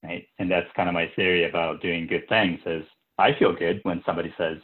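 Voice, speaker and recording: A man from Japan, a podcast guest, recalling his path in a reflective, relaxed way. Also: sits low, fairly quick. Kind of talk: interview answers. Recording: tinny phone-like line.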